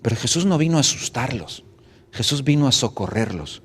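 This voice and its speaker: A man's voice: mid-range voice, sing-song, fairly quick, a bit bright, slightly rough. A male pastor preaching a dramatic sermon in a church, acting out scenes and asking the audience questions. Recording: echoey church hall.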